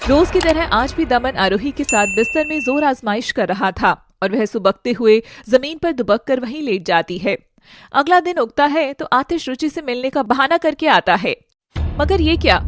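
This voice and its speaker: A woman's voice: sits high, animated, moderate pace, slight background noise. A woman narrating a dramatic family story expressively.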